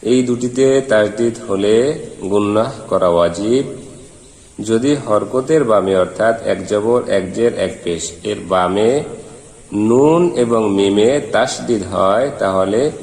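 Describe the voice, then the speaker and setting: A man teaching Quran recitation in a slow lesson, spelling out letters and vowel marks one by one. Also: on the low side, darkish tone. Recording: echoey room with long reverb.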